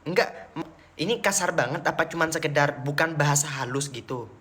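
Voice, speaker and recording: A man's voice: fairly high pitch, fairly quick, sharp tone. A young man from Mecca chatting casually on a live stream, answering viewers' questions and switching between languages. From Mecca, Saudi Arabia.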